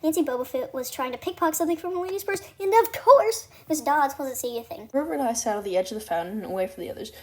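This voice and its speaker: A woman's voice: high voice, lively intonation, fast talker, hardly any pauses. A woman narrating a first-person audiobook, reading aloud with occasional stumbles and restarts.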